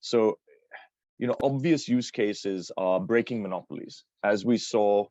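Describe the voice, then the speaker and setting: A man's voice: lowish voice, a little slow, darkish tone, dry recording, lo-fi sound. A man co-hosting a podcast, asking long, winding questions with many restarts. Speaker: podcast co-host. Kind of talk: interview questions.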